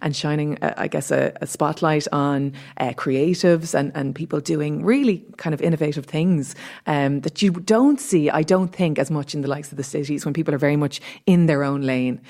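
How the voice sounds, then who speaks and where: A woman's voice: sits low, moderate pace, warm tone. A woman with a Dublin Irish accent, chatting casually as an interview guest. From Ireland, Dublin. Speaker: panel guest, entrepreneur.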